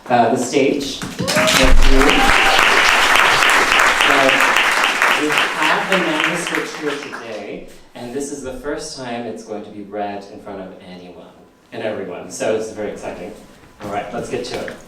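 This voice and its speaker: A man's voice: mid-range voice, unhurried, over a noisy crowd, very noisy. A man hosting a live comedy science show with an audience, playful and laughing often. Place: theater stage. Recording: echoey theater from far off.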